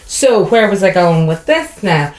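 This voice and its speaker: Her voice on the low side, dark and sing-song, this Irish woman speaks at an easy pace as a comedian guest in a relaxed interview. She's candid and talkative, laughing in asides, and the recording echoes.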